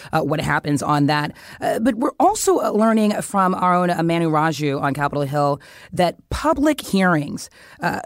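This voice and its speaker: A cable news anchor leads the segment, asking questions in a measured way with frequent filler words. The voice sits at a middle pitch and sounds dry and close. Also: dry recording.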